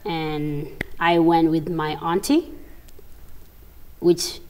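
A young actress from South Sudan, talking in a casual studio interview and telling her story with quick laughs and acted-out quotes. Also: low-pitched, flat delivery, a little mellow, a little hiss or hum. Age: young adult. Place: TV studio set, seated on a sofa.

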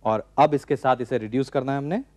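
Man in his forties, TV cooking host, calm step-by-step instructions, studio kitchen, lapel mic, dry sound. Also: mid-range voice, brisk, dry recording. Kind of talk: cooking demonstration.

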